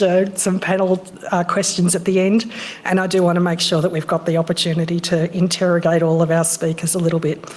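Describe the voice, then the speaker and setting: A woman chairing a conference session and introducing speakers in a chatty way, a little hoarse as she is losing her voice. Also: on the low side. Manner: chatty, with fillers. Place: conference room.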